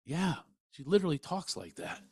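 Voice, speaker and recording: A middle-aged man from Pennsylvania hosting a podcast, telling stories in an animated, rambling way full of asides. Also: fairly low pitch, normal speed, gravelly, no echo. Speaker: podcast host, comedian. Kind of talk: storytelling monologue.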